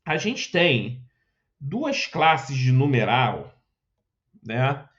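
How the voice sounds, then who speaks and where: Speaking very slowly with big swings in pitch, a man leads an exam prep lesson on Portuguese grammar, walking through questions step by step and checking in with quick questions. His medium-pitched voice has a fairly bright tone on a lo-fi recording.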